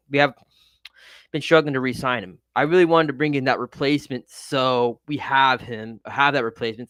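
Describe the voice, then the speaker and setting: A man's voice: mid-range voice, fairly bright tone, clean tone, no room sound. A man co-hosting a casual football chat, chatty with a dry, sarcastic edge. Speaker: podcast co-host.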